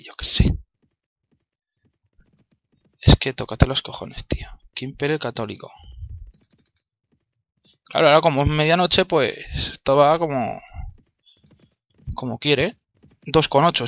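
A young Spanish man with a Spanish accent narrates his own gameplay in a let's play, grumbling, swearing often, and talking to himself in exasperation. His voice is a little high, pushed and bright, with no echo.

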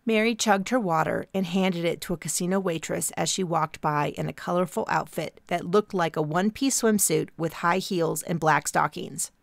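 A woman narrates a novel in the first person with a measured, even read. Her voice sits low and carries a gravelly texture. The studio sound is close and dry, with no room echo. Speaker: audiobook narrator.

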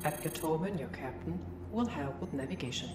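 A woman voicing a calm ship computer, formal and measured, with synthetic processing, in a scripted game announcement. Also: low-pitched, heavy background noise. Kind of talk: scripted briefing and system announcements. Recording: echoing voice over game music.

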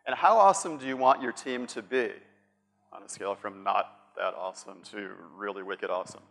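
Brisk and creaky, with a fairly low pitch but a fairly bright tone, a middle-aged conference speaker from Boston talks in his Boston accent from the stage of a big conference room. His workshop is playful and chatty, and he asks the audience questions.

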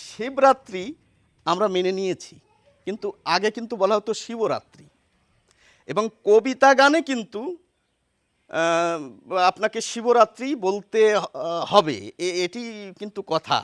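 A man giving a pronunciation lesson, slowly saying example words and contrasting them, and asking his listeners questions. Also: high-pitched, fairly bright tone. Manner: slow, deliberate, repeats example words in contrast; addresses listeners directly with questions. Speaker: Bengali pronunciation teacher.

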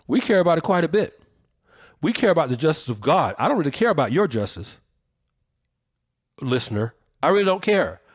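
A man's voice: a little high, very animated, a little fast, long pauses. A man co-hosting a podcast, talking in an emphatic, preacherly way and drawing out the words he stresses. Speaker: podcast co-host. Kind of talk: opinionated podcast commentary.

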